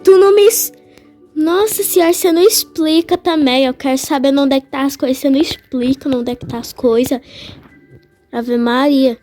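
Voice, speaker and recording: A woman's voice: high-pitched, normal speed, mellow, soft background music. A woman giving casual gameplay commentary, chatty and playful, talking back to the game characters. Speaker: gaming channel host.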